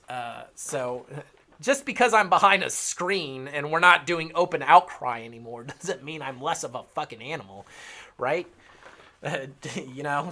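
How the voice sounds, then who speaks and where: Trading coach, man, bright tense voice, swears constantly, loud bursts then low mutters. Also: vocal fry. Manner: blunt and heavily profane; swings between loud emphasis and low muttered asides. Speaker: trading educator. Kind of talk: casual unscripted rant to camera.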